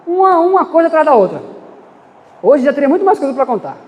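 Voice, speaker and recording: A man's voice: very high-pitched, very animated, fast, big-room sound, highs cut off. A man preaching a sermon in a church, impassioned, with dramatic swings in pace and emphasis.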